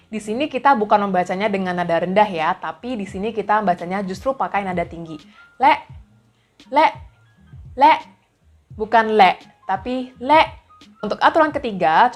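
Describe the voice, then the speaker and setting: Woman language tutor, patient, repeats drill syllables; faint music bed underneath. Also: mid-range voice. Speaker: language teacher. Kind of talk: explaining lesson.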